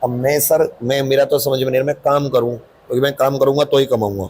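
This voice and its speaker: A man's voice: mid-range voice, fairly even intonation, fast, a little mellow, a little hiss or hum. A man, a coaching teacher, answering interview questions in a defensive, insistent, rambling way.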